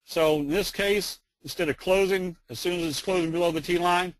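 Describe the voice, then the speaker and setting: A man's voice: high voice, fairly even intonation, a little fast, dry recording, poor audio. A man giving a casual, joking trading lesson in a webinar, full of fillers. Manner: folksy, joking, many fillers. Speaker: trading instructor.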